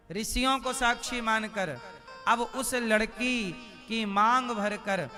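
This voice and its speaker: A male preacher giving a sermon, putting rhetorical questions to his listeners. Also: very high voice. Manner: asks the audience rhetorical questions. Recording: music playing under the voice.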